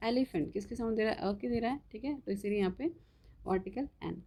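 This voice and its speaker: Teaching grammar for exam students, a woman with a fairly high, creaky, dark-toned voice repeatedly asks the class questions only to answer them herself. She spells out example words slowly and frequently checks in with "ठीक है?".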